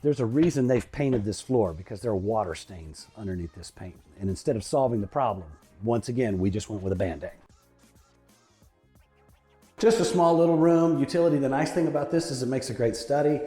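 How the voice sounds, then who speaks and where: A man's voice: mid-range voice, a little fast, mellow, faint music behind. A man walking through a house, pointing out its flaws in an upbeat, joking way. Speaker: realtor touring a house. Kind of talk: walkthrough commentary. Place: indoors in a house basement. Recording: echoey room.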